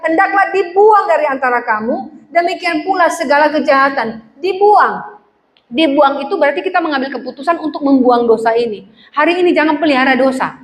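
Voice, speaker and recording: A woman pastor preaching a sermon in a church, lively and humorous, acting out the voices in her stories. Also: sits high, a little hiss or hum. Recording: echoey church hall with faint ambience.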